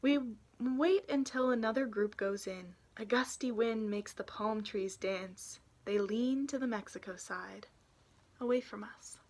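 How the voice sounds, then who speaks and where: Her voice fairly high but darkish in tone, a young adult woman tells a children's picture book story informally. She breaks off at times to point out what's in the illustrations.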